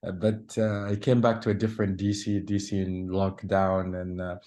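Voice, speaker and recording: A man from Sudan, a journalist answering interview questions in a measured way, often pausing and restarting. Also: low voice, flat delivery, a little mellow. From South Sudan / Sudan. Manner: measured, with frequent hesitations and restarts. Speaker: journalist guest.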